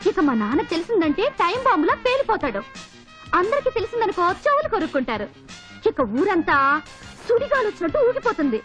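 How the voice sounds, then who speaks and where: A woman's voice: extremely high pitch, sing-song, fast talker, a bit bright, soft background music, exaggerated voice. An actress playing a playful young village woman in love, teasing her timid sweetheart.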